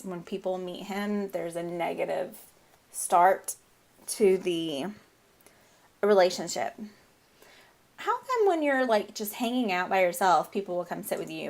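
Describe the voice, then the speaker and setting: Chatting casually over her gameplay, a Southern US woman in her thirties hosts a video in a fairly low voice. A lingering head cold leaves her sounding a little off, and she often breaks into giggles.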